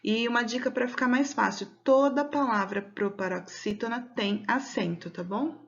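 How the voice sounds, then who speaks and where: A Brazilian woman teaching a recorded lesson for children, explaining patiently step by step and slowly stretching out words to mark the stressed syllable. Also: fairly high pitch, dull audio. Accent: Brazilian Portuguese. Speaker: schoolteacher.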